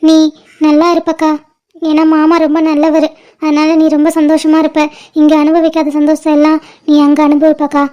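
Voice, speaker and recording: A woman's voice: sits high, completely flat delivery, brisk, mellow, close to an everyday voice. A woman voicing an earnest, outspoken younger sister in an amateur audio drama, pleading and blunt.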